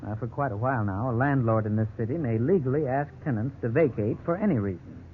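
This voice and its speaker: Over a narrow-band, noisy 1950s radio with a tinny, old sound, a man with a mid-range, fairly ordinary voice acts as a formal lawyer in a radio drama of that era. The character is courteous, stern and dry yet patient, speaking in a measured, formal way with a faint note of condescension.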